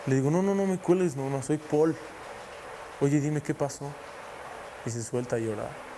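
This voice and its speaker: A man in an interview recounting a painful personal memory in a halting, soft-spoken way, often quoting what others told him. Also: a little high, background noise.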